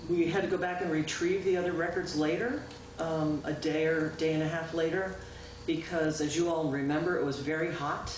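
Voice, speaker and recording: Her voice sits low and her tone stays steady as a woman town clerk, speaking loudly, delivers a chatty, informal report to the town board at a public meeting, with many "um"s and self-corrections. The echoey, distant, noisy local-access recording was made with a room microphone far across the meeting room.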